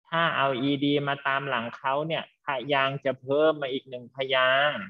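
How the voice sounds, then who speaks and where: Fields: sex: man. Role: English teacher. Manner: patient, drawn-out. Sound: dull lo-fi line. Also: mid-range voice, fairly even intonation. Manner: patient, drawn-out explaining, calls students "child". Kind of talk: online class, quizzing students.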